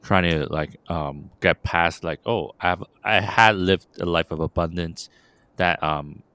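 Very deep-voiced man hosting an interview. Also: a little slow, bright, forceful tone, clear, resonant tone, dry recording. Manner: rambling, filler-heavy questions. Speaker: interview host. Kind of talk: podcast interview.

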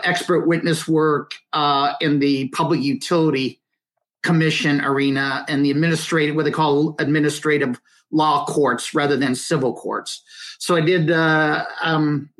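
Middle-aged guy from nebraska, kinda high voice, laid back and halting, interview guest. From Western Nebraska, USA. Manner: relaxed, hesitant storytelling. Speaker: podcast guest, finance consultant. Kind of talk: conversational interview.

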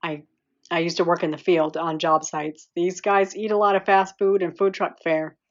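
Audiobook bit: a woman doing a laid-back man, deep and murmured, on a slightly dull lo-fi recording. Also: level tone, moderate pace, lightly acted. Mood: easygoing. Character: relaxed adult man, easygoing and affectionate.

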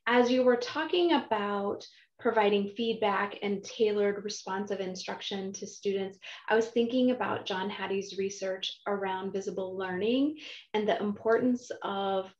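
A woman's voice: mid-range voice, fairly even intonation, unhurried. A chatty, enthusiastic woman hosts a podcast interview, often restarting her sentences. Her voice sits in a roomy space. The sound is slightly dull and muffled. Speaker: podcast host.

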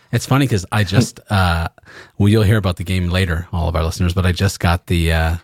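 Male podcast co-host, lowish voice, dry close mic, rambling jokey delivery. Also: fairly even intonation, a little fast, dry recording. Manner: rambling, joking, swears freely. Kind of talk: casual chat.

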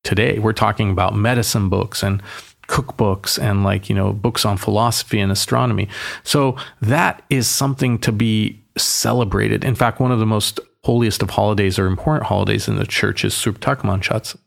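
A man being interviewed, talking with open enthusiasm and going into long explanations. His voice is gravelly and fairly low, with a relaxed, conversational flow. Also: moderate pace. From grew up in Boston and Yerevan. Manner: passionate, talkative, explains at length. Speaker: mayor, interview guest.

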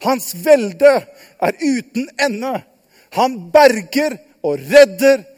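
A man doing King Darius proclaiming loudly. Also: very high voice, animated. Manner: loud, stately proclaiming. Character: proud ancient male king, overjoyed, proclaiming. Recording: long hall reverb.

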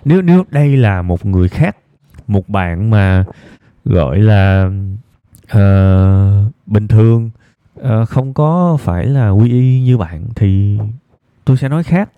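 A man with a southern Vietnamese accent hosting an evening advice programme, talking reflectively to listeners in a subdued, unhurried, deliberately low tone. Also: lively intonation, smooth, dry recording. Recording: thin, phone-like band-limited sound.

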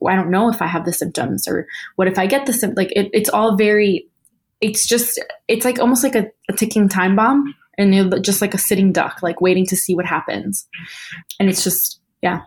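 A woman's voice: medium pitch, fairly even intonation, brisk, darkish tone. Chatty young New woman. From New York. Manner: chatty, fills speech with "like", acts out family members' lines. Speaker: guest sharing a personal story. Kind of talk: candid personal storytelling.

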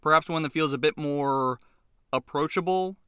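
A man's voice: fairly high pitch, moderate pace, fairly bright tone, smooth, dry recording, clean studio sound. A man hosting a comedic advice show, talking earnestly and sometimes sounding exasperated. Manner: earnest, exasperated, eager to please.

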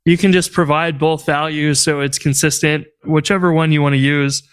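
A man with a slightly higher, smooth and resonant voice chats casually on a tech podcast. He tells stories with animated exasperation. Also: moderate pace. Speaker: podcast co-host.

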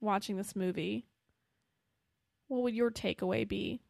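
A woman's voice: medium pitch, fairly even intonation, unhurried, vocal fry, a little mellow, no echo, clean studio sound. A woman co-hosting a casual podcast, chatting about a film in a wry, rambling way. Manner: chatty, wry, trails off and restarts. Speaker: podcast co-host. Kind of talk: casual film discussion chat.

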